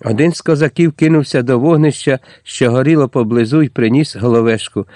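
A man narrating an audiobook in a measured, even reading. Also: medium pitch, no echo, studio quality. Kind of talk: scripted narration.

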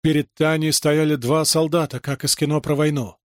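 A man narrating a story aloud in an even storytelling way, acting out the dialogue. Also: fairly high pitch, moderate pace, no room sound, studio quality. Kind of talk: audiobook reading.

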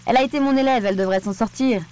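A woman voicing a confident male helicopter instructor who gives calm, firm, affectionate instructions in an audiobook. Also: a little high, very fast, voice pushed up, lightly acted. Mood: firm, reassuring. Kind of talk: audiobook character voice.

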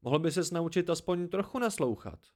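A man voicing a wise, dryly scornful old hermit in an amateur audiobook reading, slow and emphatic. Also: a little high, expressive, a little mellow, pitched above the performer's own voice, natural voice. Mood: lecturing.

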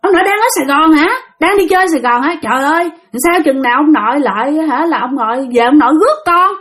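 A woman voicing a gentle, resigned young father near death, talking in a soft, soothing and repetitive way. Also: very high voice, animated, fast talker, pitched above the performer's own voice. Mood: eager.

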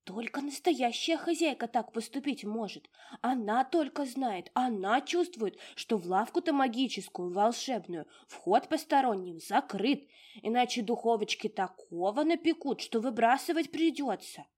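A woman voicing a fussy, doting little old female house spirit in a storybook reading, with folksy, exclamatory speech and a slightly husky voice. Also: on the high side, animated, normal speed, a little mellow, pitched above the performer's own voice. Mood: fussing.

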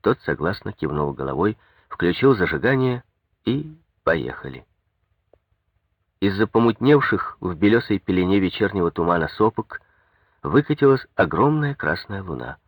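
A man narrating a story in a steady, measured reading on a close mic. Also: deep voice, slightly rough, no echo. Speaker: audiobook narrator. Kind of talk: scripted narration.

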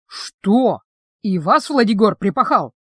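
A woman's voice: medium pitch, sing-song, takes it slowly, husky, dry recording, clean studio sound, exaggerated voice. A woman voicing a cheerful, nosy male mage who talks in a chatty, curious way.

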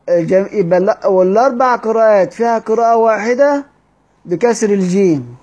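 A man with an Egyptian accent teaching Quranic readings in a study-circle lecture, explaining step by step and drawing out key words slowly. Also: sits high, darkish tone. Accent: Egyptian Arabic. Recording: dull lo-fi recording.

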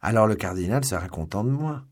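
Guy reading a silly greedy shopkeeper, fawning, husky low voice. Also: animated, brisk. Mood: eager. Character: foolish greedy middle-aged male shopkeeper. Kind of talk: audiobook reading.

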